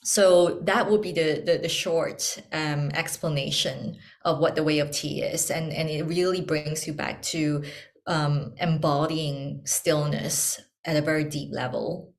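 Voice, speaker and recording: A woman from Malaysia speaking as an interview guest, soft-spoken and reflective, pausing often with ums. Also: low voice, steady tone. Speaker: guest, tea ceremony practitioner. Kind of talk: casual interview conversation.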